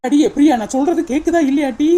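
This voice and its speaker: A woman's voice: sits high, fast, mellow, close to an everyday voice. A woman voicing a blunt, scolding older neighbour woman in a cartoon. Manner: scolding, calls the girl "di".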